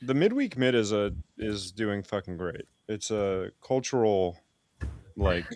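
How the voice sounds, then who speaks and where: A man's voice: lowish voice, animated, unhurried, a little mellow, dry recording. A man in a casual group chat, talking bluntly and with slang.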